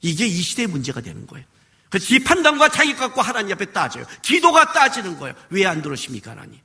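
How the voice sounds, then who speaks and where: A male pastor preaching a sermon at a worship service. He swings from shouts down to hushed drops and acts out pleading prayers. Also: sits high, wildly swooping pitch, fast talker.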